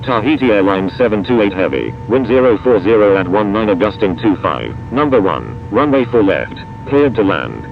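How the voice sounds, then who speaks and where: A man with a low voice and swooping intonation gives air traffic control instructions in set, procedural phrases. The radio sound is dull, with a heavy rumble of noise. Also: very animated, moderate pace, few pauses, soft background music.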